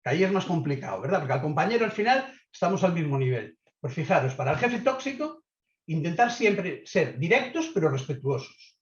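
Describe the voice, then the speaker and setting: Male webinar lecturer, measured and instructive, tags his points with quick checks, roomy and dull call audio. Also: on the high side, big pitch swings. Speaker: webinar speaker on leadership. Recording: echoey, slightly dull online audio.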